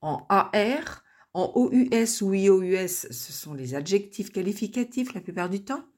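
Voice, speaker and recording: A woman's voice: mid-range voice, animated, normal speed, darkish tone. A woman teacher reading through a pronunciation table in a recorded lesson, spelling out letters and modelling words one by one. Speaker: English teacher.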